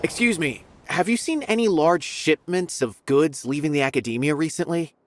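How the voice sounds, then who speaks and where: A man's voice: on the high side, moderate pace, a little hiss or hum, close to an everyday voice. A man voicing an earnest young guard. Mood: polite. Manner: earnest, firm questioning. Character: earnest young male guard, loyal and stern. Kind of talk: game dialogue. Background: game soundtrack.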